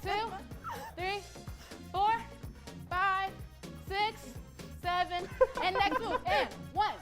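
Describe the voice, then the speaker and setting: A young woman leading a Zumba workout, counting beats out loud with energetic, upbeat delivery. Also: extremely high pitch, drawn-out words. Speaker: Zumba instructor. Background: dance music.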